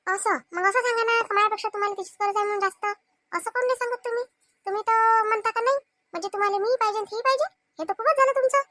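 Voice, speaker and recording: A woman voicing a sharp-tongued, quarrelsome village wife with a Vidarbha Marathi accent in a cartoon comedy. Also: extremely high pitch, very fast, no echo. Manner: scolding, sarcastic.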